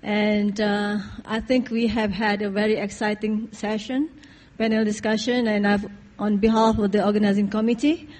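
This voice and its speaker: A woman's voice: mid-range voice, flat delivery, normal speed, a little mellow, in a large hall. A woman chairing a conference session, closing it with formal, courteous thanks. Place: conference hall.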